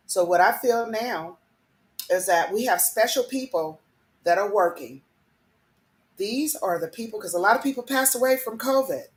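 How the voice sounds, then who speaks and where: A woman's voice: mid-range voice, lively intonation, moderate pace. A woman hosting an internet radio show, delivering a heated, profane solo rant with lots of emphasis. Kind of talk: solo ranting monologue. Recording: echoey room.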